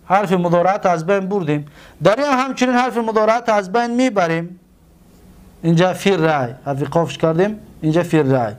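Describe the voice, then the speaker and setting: Man, Tajik accent, high-pitched, grammar lesson, asks and answers his own questions. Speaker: Arabic grammar teacher. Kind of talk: classroom lesson at a board.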